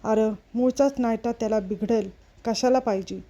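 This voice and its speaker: A woman voicing a proud, quick-tempered old village grandfather in a storybook reading, with rustic, gruff speech. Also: fairly high pitch, fairly even intonation, warm tone, highs cut off, lightly acted. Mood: irritated.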